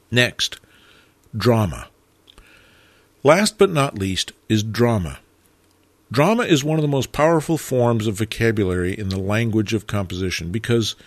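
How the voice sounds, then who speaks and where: A man narrating a photography lesson in a measured, reflective way, stressing key words. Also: fairly low pitch, no echo. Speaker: photography teacher. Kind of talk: scripted narration.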